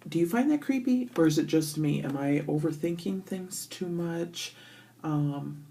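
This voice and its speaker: A middle-aged woman giving a casual, halting chit-chat to camera, recorded in an echoey bathroom. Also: low-pitched, gravelly, mellow. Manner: hesitant, halting, thinking aloud. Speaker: vlogger. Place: indoors, in a bathroom.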